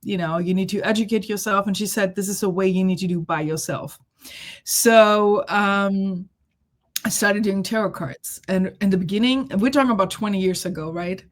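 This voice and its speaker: A woman's voice: mid-range voice, normal speed. A middle-aged woman raised in Germany, a guest healer telling her story in a chatty, casual interview, laughing often and leaning on fillers. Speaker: guest, intuitive reader and healer.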